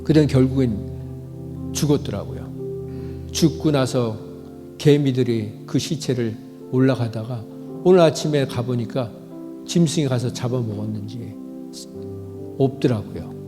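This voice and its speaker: A man preaching a sermon as pastor, swinging from loud, impassioned calls to quiet storytelling. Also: medium pitch, measured pace, long pauses, long reverb tail, music in the background. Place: church sanctuary.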